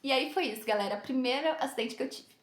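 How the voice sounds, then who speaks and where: Lively high-voiced woman vlogger. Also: fast talker. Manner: lively, laughs often, acts out quotes. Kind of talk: casual storytelling to camera. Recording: echoey room.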